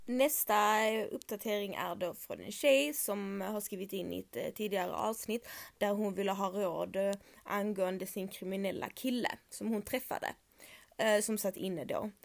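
Young swedish woman on her podcast, blunt, swears a lot, bit of vocal fry. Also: mid-range voice. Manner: outspoken, swears freely, mixes in English slang. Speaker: podcast host. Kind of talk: casual chat reading listener messages.

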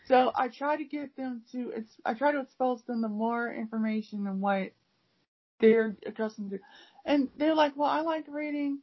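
With a breathy edge to her fairly high voice, the American woman who teaches English talks at a moderate pace. It's a casual, rambling chat packed with fillers and restarts, on dull lo-fi audio.

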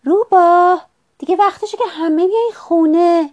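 A woman voicing a worried mother fox who calls out and scolds loudly. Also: very high-pitched, voice pushed up. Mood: scolding. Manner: loud, calling and scolding.

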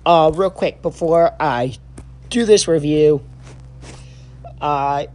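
A young man giving a casual spoken review, halting and full of filler sounds and restarts. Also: fairly high pitch, a little mellow. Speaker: wrestling show reviewer.

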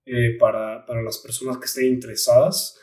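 A man's voice: mid-range voice, little pitch movement, fairly quick, darkish tone, far from the mic. A man with a Mexican accent co-hosting a casual podcast, chatting with slangy, profane, laddish buddy banter. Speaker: podcast co-host. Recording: echoey room, off the mic.

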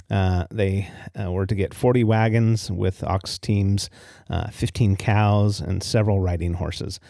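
Alone at the mic, this American podcast host spins casual, relaxed stories and tends to laugh at his own comments. He has a lowish, warm voice, and the clean studio sound has no room tone at all.

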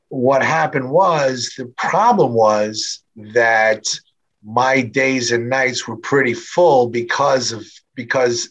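A middle-aged man telling an audience his own story in a chatty, unpolished way, full of fillers and restarts. His voice sits at a medium pitch and carries a dry, wry humor. The recording sounds a little dull and muffled. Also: fairly bright tone. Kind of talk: personal storytelling talk.

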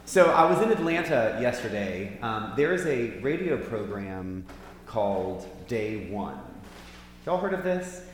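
A man's voice: fairly low pitch, big pitch swings, a little slow. A man preaching informally to a church group, conversational and putting questions to his listeners, in a big echoey hall. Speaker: preacher leading a church Bible class. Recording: big hall echo, long reverb, faint hum.

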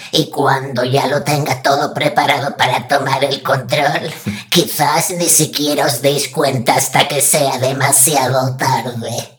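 A woman with a Spain Spanish accent playing a fed-up, scheming female AI in a comic radio sketch, with a cold, deadpan, menacing manner. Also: extremely low pitch. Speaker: radio show AI co-host.

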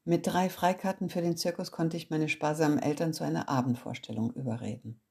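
A woman calmly reading a children's story aloud as the storyteller, in a measured storybook manner. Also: low-pitched, gravelly, breathy edge.

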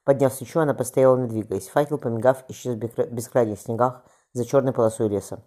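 A man's voice: mid-range voice, steady tone, quick pace, dark tone. A man reading a historical novel aloud as an audiobook, plainly and with small slips. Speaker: audiobook reader. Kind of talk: audiobook narration.

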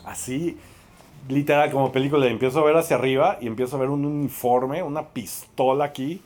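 A man with a Mexican accent preaching through a lively, self-mocking story, acting out the voices of the people in it. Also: mid-range voice, a little fast. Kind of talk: storytelling sermon.

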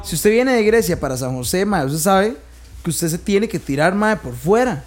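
A man's voice: high-pitched, animated, moderate pace. A young man with a Costa Rican accent, co-hosting a casual chat and telling stories with slang and laughter. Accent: Costa Rican Spanish. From Costa Rica. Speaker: podcast co-host.

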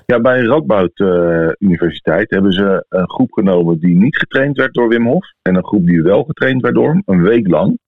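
Low-voiced Dutch man on an echoey phone-like recording. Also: animated, normal speed, few pauses. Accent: Dutch from the Netherlands. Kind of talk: casual podcast chat. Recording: thin phone-like sound, echoey room.

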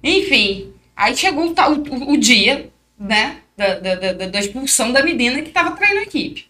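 High bright-voiced woman storyteller. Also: moderate pace. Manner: animated, acts out quoted dialogue. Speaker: guest, professional fighter. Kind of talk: casual interview storytelling.

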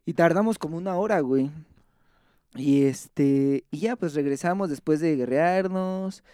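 Un hombre joven con acento mexicano cuenta una anécdota en charla casual, animado, lleno de jerga y risas. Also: male voice, fairly high pitch, a little slow, clean tone, dry recording, clean studio sound. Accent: Mexican Spanish. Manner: animated slangy storytelling, laughs often. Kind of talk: casual storytelling chat.

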